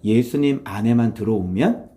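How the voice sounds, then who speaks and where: A man's voice: lowish voice, normal speed, warm tone. A man preaching a morning devotional sermon in a conversational way, firing rhetorical questions at his listeners and acting out quoted voices. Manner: acts out quoted voices, switches to blunt informal speech. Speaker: pastor.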